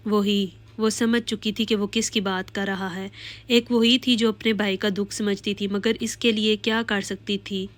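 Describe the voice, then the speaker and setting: A woman reading a romance novel aloud in a steady, expressive storytelling voice. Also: mid-range voice. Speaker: audiobook narrator. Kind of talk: scripted novel narration.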